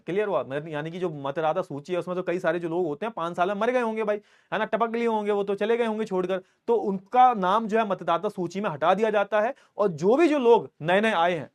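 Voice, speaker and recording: A man in his twenties teaching an online class in a chatty, teasing way, reading student comments aloud and joking with them. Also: high-pitched. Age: 20s. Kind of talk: live online class lecture.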